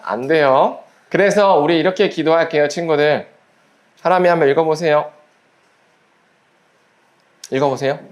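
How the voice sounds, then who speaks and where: A pastor giving a children's sermon at a church service, gently asking the children quiz questions and acting out little voices in the story. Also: mid-range voice, normal speed, pauses often. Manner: acts out little quoted voices while storytelling.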